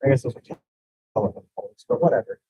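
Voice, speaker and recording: Man, mellow relaxed tone, casual storm-chasing commentary, dry lo-fi phone stream. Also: medium pitch, quick pace, husky, no room sound. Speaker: storm chaser live streamer. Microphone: phone livestream. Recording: muffled, lo-fi mobile livestream.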